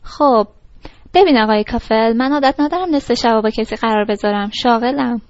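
A woman voicing a sharp-tongued young woman woken by a late phone call, curt and then coy, in an audiobook reading. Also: a little high, no echo, natural voice. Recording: dull lo-fi recording.

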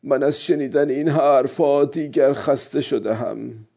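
A man's voice: medium pitch, creaky, dark tone, voice pushed up. A man doing a weary old fisherman. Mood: self-chiding. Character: weary old male fisherman talking to himself. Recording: dull lo-fi recording.

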